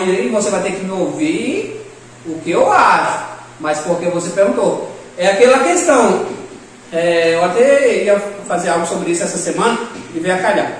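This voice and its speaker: High-voiced man teaching in an echoey room. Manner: animated, acts out quoted dialogue. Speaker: church leadership teacher. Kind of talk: casual classroom lesson with discussion. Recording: echoey room, distant mic, faint noise.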